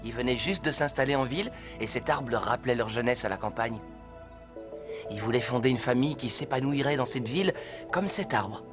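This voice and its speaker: A shy, sincere teenage boy speaks haltingly in a mid-pitched voice, as a man voices him. He is soft-spoken and gentle. Music plays underneath. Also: close to an everyday voice.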